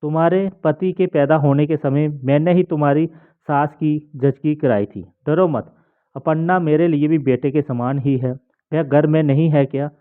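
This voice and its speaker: A man's voice: a little high, moderate pace, smooth, close to an everyday voice. A man reading the lines of a blind, kindly old village woman from a play, coaxing and scolding. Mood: soothing. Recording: tinny phone-like sound.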